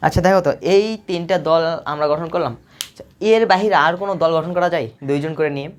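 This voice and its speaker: A woman with a deep, low-set voice works through a recorded math lesson. She talks patiently and repeats herself, firing questions at her students and answering them herself. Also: fast talker. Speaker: math teacher.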